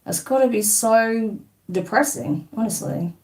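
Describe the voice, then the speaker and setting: A woman with a faint New Zealand twang hosts a live card-reading stream, rambling casually through viewer comments and bluntly brushing off trolls. Her voice sits on the high side, unhurried and darkish, picked up by a distant mic in a rough recording.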